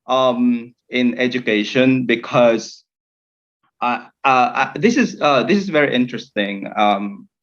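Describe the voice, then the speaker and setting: A man's voice: medium pitch, a bit bright. A middle-aged man with a Filipino accent speaks off the cuff in an online discussion, hesitant and rambling, often repeating words. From Philippines. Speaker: physics teacher and researcher, audience questioner. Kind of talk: spontaneous question at an online discussion. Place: bedroom, in bed, on a video call. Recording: dull lo-fi video call audio.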